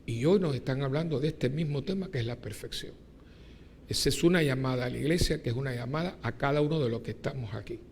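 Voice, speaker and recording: A man, a priest giving a lively homily at mass, joking and asking his congregation rhetorical questions. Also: medium pitch, fast, gravelly, a little hiss or hum. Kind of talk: sermon. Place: church during mass.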